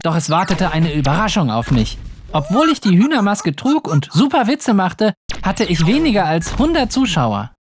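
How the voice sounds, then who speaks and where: Lively first-person story narrator. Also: medium pitch, normal speed, slight background noise.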